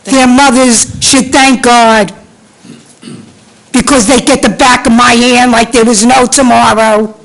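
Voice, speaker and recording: An indignant woman in her sixties speaks slowly and deliberately at a council meeting's public comment. Her voice sits a little high, and she keeps pressing the same questions again and again, pleading for an answer. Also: fairly even intonation, low-quality recording. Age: 60s. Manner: indignant, pleading, repeats demands. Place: council chamber.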